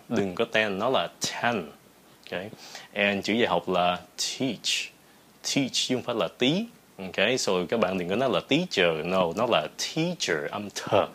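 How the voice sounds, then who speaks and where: A young man teaching English pronunciation in a casual video lesson, modeling words slowly and repeating them for drills. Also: on the low side, fairly bright tone.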